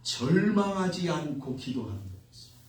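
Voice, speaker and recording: A male pastor preaching a sermon with passion. He swings between shouting and hushed asides, and asks the congregation questions before answering them himself. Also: a little high, very animated, moderate pace. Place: church sanctuary. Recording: roomy echo, distant mic, faint hiss.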